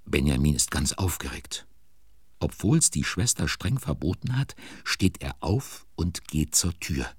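A man narrating a children's audio drama as a dramatic, deliberate storyteller with a gravelly voice. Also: a bass voice, sing-song, no echo, full character voice. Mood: suspenseful. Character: storyteller of a children's tale, attentive and suspenseful.

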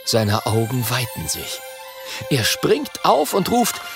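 A man narrates a children's storybook in an animated, expressive way. His mid-pitched voice has a gravelly texture, and soft music plays faintly beneath him. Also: slow pace.

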